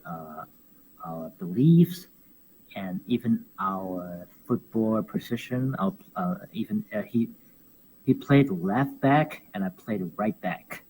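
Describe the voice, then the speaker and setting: A male pro wrestler from Hong Kong chats in a casual interview, speaking at medium pitch. He's animated and laughs a lot, repeating words as he hunts for the right phrasing. The audio is poor, with slight background noise.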